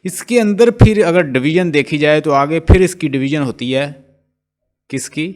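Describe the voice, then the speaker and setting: A man teaching an online phonetics lesson, explaining step by step and slowly drawing out example sounds. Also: a little high, a little mellow. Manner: slow, explaining step by step, mixing English terms into speech; repeats and drawls out example sounds. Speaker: English linguistics teacher. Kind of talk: online lecture.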